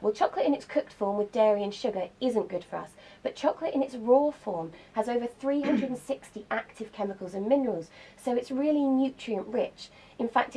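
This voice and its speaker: Husky-voiced woman explaining healthy recipes. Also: on the high side, mellow. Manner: enthusiastic, explanatory. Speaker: cookbook author guest. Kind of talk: radio interview. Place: radio studio.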